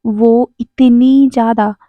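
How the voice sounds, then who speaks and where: Woman doing a playful teasing young man, high voice, slow drawn-out lines, dry dull lo-fi sound. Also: fairly even intonation, no echo.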